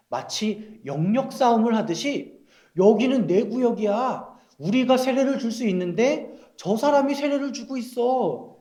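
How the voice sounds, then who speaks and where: A young man, a children's pastor, giving a sermon to kids, explaining slowly and gently and asking them questions. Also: high voice. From South Korea. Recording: roomy echo.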